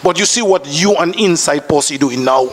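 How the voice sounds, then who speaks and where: A man's voice: on the high side, moderate pace, slight background noise. A man with a Dominican accent speaking with emotion and urgency on a panel, calling people to action. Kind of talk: impassioned panel discussion.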